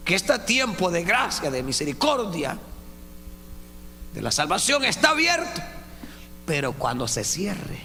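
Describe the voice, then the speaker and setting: A man preaching an impassioned sermon as a pastor, swinging from hushed words to shouts and calling out to the brothers. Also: fairly high pitch. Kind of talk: Spanish evangelical sermon. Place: church. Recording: church hall reverb with faint hum.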